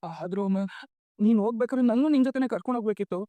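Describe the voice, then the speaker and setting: A man's voice: high-pitched, racing, mellow, no echo, natural voice. A young actor playing a college-going son who asks his mother why she left, earnest and pleading. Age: young adult. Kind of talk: TV serial acting.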